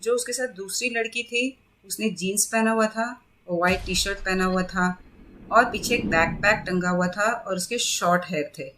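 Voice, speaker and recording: A woman's voice: mid-range voice, normal speed, fairly bright tone, a little hiss or hum. A woman narrating a novel in a conversational tone, making asides to her listeners. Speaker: book reviewer and reader. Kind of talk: storytelling narration.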